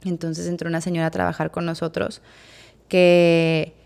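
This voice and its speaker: A woman with a Mexican accent co-hosts a podcast, telling a personal story in a frank, reflective, candid way and filling her speech with phrases like "o sea." Her lowish voice is gravelly and darkish, delivered in a monotone at normal speed with a clean tone.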